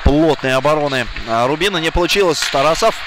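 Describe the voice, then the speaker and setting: Male hockey commentator over loud rink noise. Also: fairly high pitch, fast talker. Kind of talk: live play-by-play sports commentary. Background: indoor ice rink ambience.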